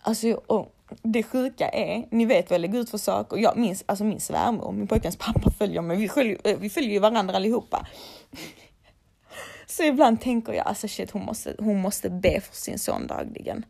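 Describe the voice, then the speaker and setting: A woman's voice: medium pitch, creaky, darkish tone. A young woman, a laser hair removal technician, chatting casually and bluntly to her followers and swearing freely.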